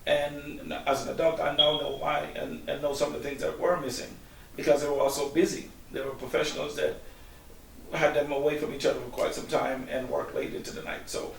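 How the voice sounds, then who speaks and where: A middle-aged man from Guyana answers an interviewer, pausing often and restarting his sentences. His voice sits somewhat high and has a gravelly edge. It was recorded from a distance in an echoey room with a faint hiss behind it. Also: flat delivery, a bit bright. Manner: hesitant, many ums and restarts. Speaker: guest.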